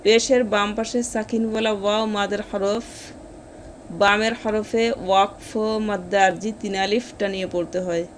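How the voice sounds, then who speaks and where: A woman teaching Quran reading, explaining pronunciation rules and then reciting each word slowly and drawn out. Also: mid-range voice, fairly even intonation, slight background noise. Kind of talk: step-by-step recitation lesson.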